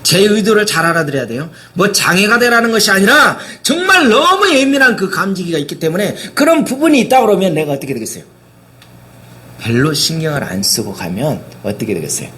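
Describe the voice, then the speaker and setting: A man's voice: high voice, very animated, fairly quick, bright, forceful tone. A man preaching a sermon as pastor, constantly asking his listeners rhetorical questions and dramatically acting out the words of biblical figures.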